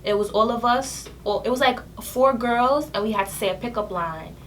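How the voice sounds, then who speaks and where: Her voice is a little high and her pace moderate as this young adult guest on a podcast chats casually, telling lively, slang-heavy stories and laughing often. The mic is distant, with a faint hum of room noise.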